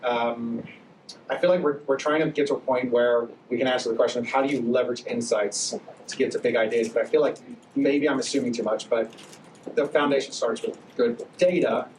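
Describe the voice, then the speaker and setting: A man moderating a panel on a conference stage, chatty and relaxed with many fillers. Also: mid-range voice, fairly quick. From born in Hawaii, raised in the UK. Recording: echoey hall, mic far off, audible noise.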